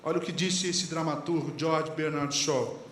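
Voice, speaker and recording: In an echoey church hall with faint ambience and slight background noise, a Brazilian-accented pastor delivers a sermon at a moderate pace. His voice is a little high, steady and fairly bright, and he chats with the congregation, asking them questions and citing songs and sayings.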